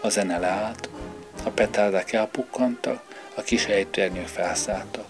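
A man narrating a story as an audiobook reader, in a measured storytelling manner, with music underneath. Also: on the low side. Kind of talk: scripted narration.

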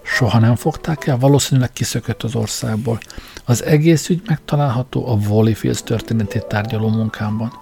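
A man voicing a cheerful, confident young man with a brisk, upbeat delivery. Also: mid-range voice, fairly even intonation, gravelly, darkish tone, soft background music, lightly acted. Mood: eager.

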